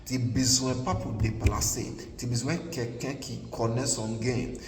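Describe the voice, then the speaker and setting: A Ghanaian-accented preacher who calls himself a prophet, with English as his first language, delivers a repetitive, emphatic online sermon packed with "là." His mid-range voice stays steady at normal speed. The echoey hall and distant mic come with faint ambience and a noisy background.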